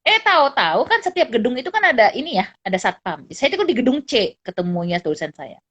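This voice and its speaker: Lively middle-aged woman telling stories. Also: fairly high pitch, fast. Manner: animated, acts out dialogue, laughs often. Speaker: psychologist and lecturer, guest. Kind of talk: casual storytelling chat. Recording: dull lo-fi recording.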